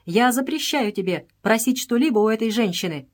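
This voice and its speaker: A woman's voice: fairly high pitch, animated, brisk. A woman voicing a terrified young girl. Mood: proud. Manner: pleading, crying out in terror. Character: frightened proud young girl.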